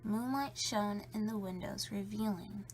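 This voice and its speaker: A woman reading a children's story aloud in a playful, spooky way, with drawn-out emphasis and a creaky edge. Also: medium pitch, slight background noise. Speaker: storybook reader.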